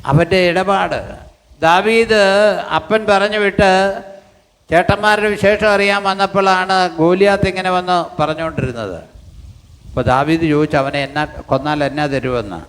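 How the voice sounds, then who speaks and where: A man's voice: sits high, moderate pace, fairly bright tone, a little hiss or hum. An older man, preaching a sermon emphatically and repeating lines for the congregation. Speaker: pastor. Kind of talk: sermon with congregation reading scripture.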